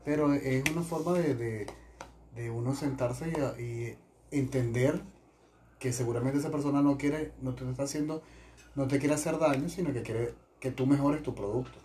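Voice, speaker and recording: A man giving his opinions conversationally as a guest, haltingly, repeating words as he reasons. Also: medium pitch, a little mellow, slight background noise. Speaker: family guest.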